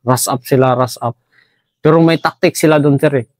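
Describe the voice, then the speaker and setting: A man from Basilan, an army sergeant, answering interview questions deferentially and haltingly, tacking "sir" onto nearly every phrase. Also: medium pitch, fairly even intonation, darkish tone, dry recording. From Basilan, Philippines.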